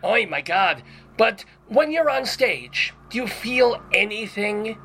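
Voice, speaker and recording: A man's voice: sits high, sing-song, takes it slowly, bright, forceful tone, husky, full character voice. A man playing a gushing older rabbi host. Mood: chatty. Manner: effusive, sprinkles in Yiddish words. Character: excitable older male rabbi radio host. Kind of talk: comic character interview.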